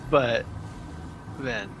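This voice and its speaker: A young man with a mid-range voice chats jokingly and teasingly while streaming outdoors, laughing often and restarting what he says. The audio is dull, recorded on a noisy street.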